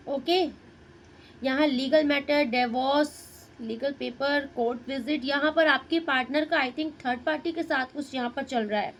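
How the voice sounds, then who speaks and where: Tarot reader, woman, high voice, muses over each card out loud. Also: slight background noise, rough recording. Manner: Hindi-English mix, addresses viewer directly, muses over cards. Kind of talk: tarot reading.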